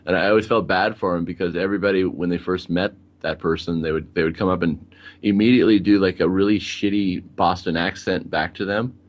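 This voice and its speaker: Deep voiced teacher guy, keeps repeating himself, stop and start talk. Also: fairly even intonation, highs cut off. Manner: halting, repeats words often. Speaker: English teacher abroad. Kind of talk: casual radio chat.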